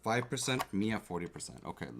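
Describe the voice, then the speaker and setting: Speaking fast in a lowish, sing-song voice with a slightly bright edge, this man builds a keyboard on a livestream and chats casually with his viewers, checking in as he goes. The desk mic is near the keyboard and picks up a little hiss or hum, along with faint typing and clicks.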